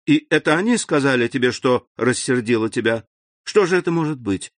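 A man's voice: medium pitch, lively intonation, brisk, no room sound, clean studio sound, close to an everyday voice. A man reading an audiobook, voicing an anxious young woman who pleads with her grandfather. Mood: pleading.

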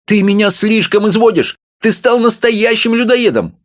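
A man reading an audiobook, voicing an agitated, shrill little wife who scolds her husband. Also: normal speed, natural voice. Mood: exasperated. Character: shrill furious little wife, middle-aged.

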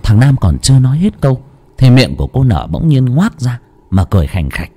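A man tells a village horror story with dramatic relish. His voice is dark and husky, swooping widely in pitch. Soft music plays beneath him. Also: very animated, brisk. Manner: dramatic, lurid.

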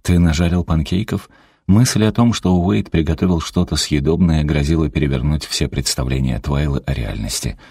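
A man narrating an audiobook in an even, measured way. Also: a bass voice, breathy edge, no echo, studio quality.

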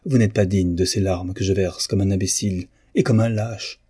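A man's voice: low voice, steady tone, normal speed, mellow, slightly rough. Man reading an anguished, proud husband. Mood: indignant, stern. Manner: impassioned, pleading then commanding. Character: proud honest bourgeois husband, anguished and loving. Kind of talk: audiobook reading of a novel.

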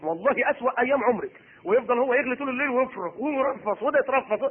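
A middle-aged Egyptian preacher talks very fast in a sharply high voice, acting out voices of husbands and wives. His voice is husky. The recording is thin and tinny, like a phone line. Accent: Egyptian Arabic. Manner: animated, acts out husband and wife voices. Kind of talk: Egyptian colloquial sermon.

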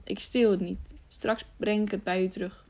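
A woman's voice: mid-range voice, fairly even intonation, moderate pace, a little mellow, close to an everyday voice. Woman reading as an earnest young squire. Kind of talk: audiobook character voice.

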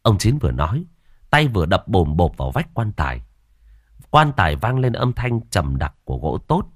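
A man narrating a ghost story in a dramatic, lively storytelling manner. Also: low-pitched, normal speed, no echo, clean studio sound.

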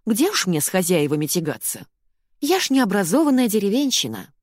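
A woman's voice: medium pitch, big pitch swings, a little fast, a little mellow, no echo, studio quality, voice pushed up. A woman voicing a touchy, sulky village housekeeper with a whiny, grumbling manner in an audiobook. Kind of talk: audiobook character voice.

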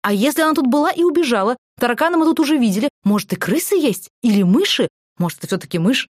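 A woman voicing a fussy, panicky young female cellmate in an audiobook, shrill and indignant. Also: expressive, fast talker, dry recording, studio quality. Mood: fretful.

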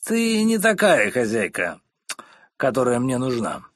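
Bullying middle-aged husband, read by a man: booming, slow, domineering, a husky storybook voice. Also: huge pitch swings, no echo, clean studio sound. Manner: barking, slow heavy commands.

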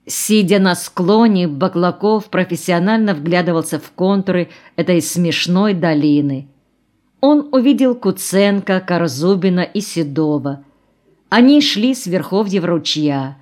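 A woman narrating an audiobook novel in a calm, even storytelling manner. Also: on the low side.

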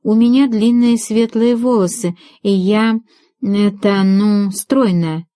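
A woman reading the lines of a sharp-tongued young woman in an audiobook, ironic and snappy. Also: medium pitch, normal speed, dry recording, clean studio sound, lightly acted. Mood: indignant.

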